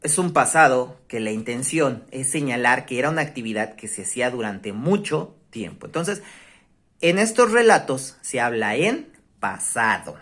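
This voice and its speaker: Lively, low-voiced Mexican woman teaching a class. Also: moderate pace. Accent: Mexican Spanish. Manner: animated, keeps checking in with the class. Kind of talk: online class lesson on grammar.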